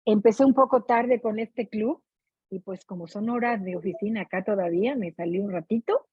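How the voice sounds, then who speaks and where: Over muffled, echoey online meeting audio, a middle-aged Mexican woman shares casual spoken commentary on a book for her club. Her mid-range voice is slightly rough and moves at a moderate pace. She speaks expressively and keeps asking whether the others agree.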